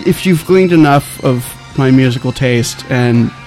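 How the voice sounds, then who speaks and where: A man's voice: mid-range voice, measured pace, a little mellow, faint music behind. A man co-hosting a podcast in casual chat, joking and swearing freely. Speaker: podcast co-host.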